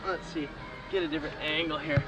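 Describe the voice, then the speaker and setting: A man's voice: on the high side, little pitch movement, fairly quick. A young man from Nevada chats casually and ramblingly while filming outdoors at a camp. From Nevada, United States. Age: young adult. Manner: rambling, informal. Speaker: camper filming with a camcorder. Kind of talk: casual off-the-cuff chat. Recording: dull camcorder sound, music behind.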